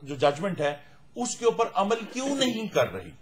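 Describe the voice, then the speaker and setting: A man speaking for a political party on a talk show, arguing his case in a measured way. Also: high-pitched, huge pitch swings. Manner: measured, argumentative. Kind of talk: political debate.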